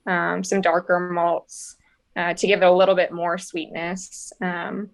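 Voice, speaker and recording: A woman brewer, a guest on a podcast, calmly explaining technical detail with many fillers. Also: fairly low pitch, a little slow, gravelly, slight background noise. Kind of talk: casual chat.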